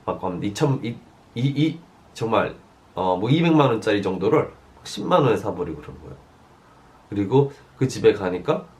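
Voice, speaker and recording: A man preaching a sermon. He tells a story with lots of fillers and swings between loud and soft passages. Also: lowish voice. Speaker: pastor.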